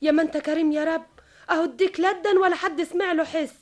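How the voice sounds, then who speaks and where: A woman's voice: very high-pitched, fairly even intonation, fast. A woman voicing a gossipy older woman with pious exclamations, in an Egyptian accent, in a radio drama. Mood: chatty. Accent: Egyptian Arabic. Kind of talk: vintage radio drama acting.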